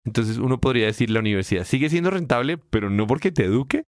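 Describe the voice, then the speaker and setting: A man co-hosting a casual podcast, explaining ideas with emphatic rises in pitch. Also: fast talker, dry recording, clean studio sound. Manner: explanatory, animated pitch jumps when stressing points. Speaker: podcast co-host.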